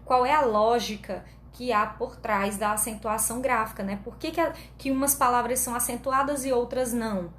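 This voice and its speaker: A woman's voice: fairly high pitch, fairly bright tone. A woman teacher with a Brazilian Portuguese accent giving an online grammar lesson, explaining patiently step by step and checking in with her students often. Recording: echoey room with faint background noise.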